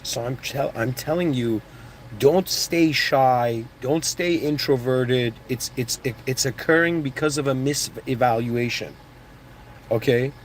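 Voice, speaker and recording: A medium-pitched man, born in Iran and raised in Canada, gives a casual motivational talk with slight background noise behind him. He rambles, restarts often, adds asides and keeps saying "you know what I mean."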